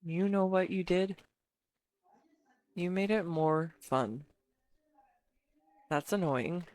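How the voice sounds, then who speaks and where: This intimate audio roleplay has a woman cast as an earnest, bashful, chatty girlfriend who talks directly to the listener, halting and teasing as she goes. Her lowish voice is a little mellow, recorded with no echo, and she comes across flustered and playful.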